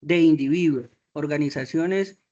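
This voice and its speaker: A man's voice: a little high, measured pace, dark tone, muffled recording. A male student in an online class who answers the teacher politely and reads a text aloud. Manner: polite, addresses the teacher respectfully.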